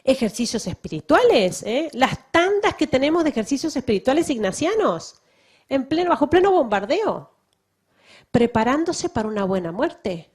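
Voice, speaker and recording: Woman missionary giving a talk at church, high-ish voice that swoops around, emphatic, lots of questions at the crowd. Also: big pitch swings, moderate pace, a little mellow, husky. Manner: emphatic, full of rhetorical questions. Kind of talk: public talk to a church audience.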